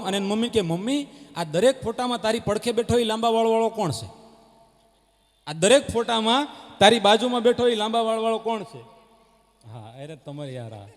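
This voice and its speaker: A man's voice: high voice, a little mellow. A man telling jokes live on stage. He acts out the people in his stories and barks like a dog. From Gujarat, India. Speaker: stage comedian at a devotional folk gathering. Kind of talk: live stand-up joke telling. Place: live stage before a crowd. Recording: long reverb of a live PA.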